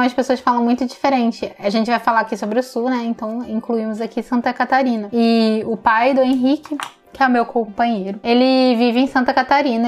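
A woman co-hosts a relaxed podcast, spinning lively anecdotes and laughing often. Her voice is slightly high. Light music sits faintly in the background. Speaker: podcast co-host. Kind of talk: casual podcast chat.

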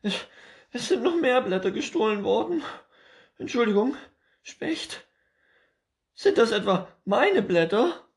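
A man voicing an anxious, excitable little squirrel in a children's storybook, shrill and loud. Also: slow, long pauses, heavily acted. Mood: panicked. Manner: shrill, frantic, loud exclaiming. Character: anxious excitable squirrel, male, small, frets.

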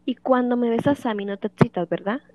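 A woman's voice: a little high, brisk, warm tone, no room sound, close to an everyday voice. A woman playing a jealous, bitter wife of fifty. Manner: accusing, relentless questioning. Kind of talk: audiobook dialogue reading.

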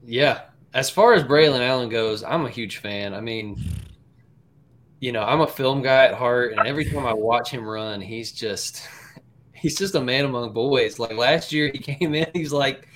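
A man's voice: mid-range voice, moderate pace, a bit bright. Male sports podcast panelist, medium register, casual analysis, slight background noise.

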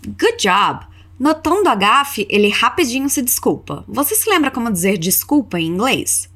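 A woman with a lively, high-ish voice gives an English lesson for Portuguese speakers. Her explanations run quickly, while her model phrases come slow and stretched out for learners to repeat. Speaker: English teacher.

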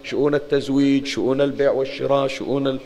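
A man with a Bahraini accent voicing a grieving older woman who gives witness softly and earnestly. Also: mid-range voice, fairly even intonation, rapid-fire, close to an everyday voice. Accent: Bahraini Arabic.

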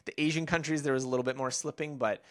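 A man's voice: mid-range voice, fairly even intonation, fast. A man in his thirties, a podcast guest telling a long story in casual conversation, with many fillers and restarts. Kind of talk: conversational interview.

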